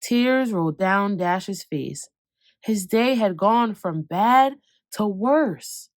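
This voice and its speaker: This is an expressive read-aloud of a children's picture book by a woman with a mid-range voice, captured with no room sound. She lets calm passages unfold slowly and speeds through the exciting bits.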